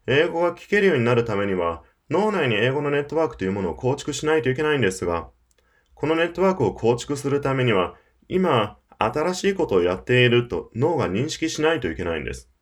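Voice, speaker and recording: A man's voice: mid-range voice, big pitch swings, fast talker. A man teaching English pronunciation in Japanese, explaining in an emphatic scripted audio lesson. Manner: explanatory, emphatic, demonstrates English phrases at varied speeds.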